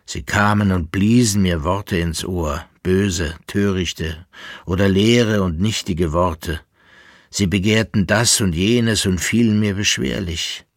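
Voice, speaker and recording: A man's voice: low-pitched, no room sound, studio quality, heavily acted. A man voicing a grave, lovesick emperor in a literary audiobook, with earnest, tender declamation. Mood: weary. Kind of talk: audiobook reading.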